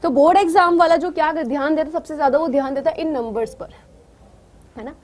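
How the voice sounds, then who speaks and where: A woman's voice: high voice, a little fast, darkish tone. A woman teacher explaining exam preparation to students, coaxing and often asking if they follow, mixing in English words. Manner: coaxing, repeatedly checks students understand.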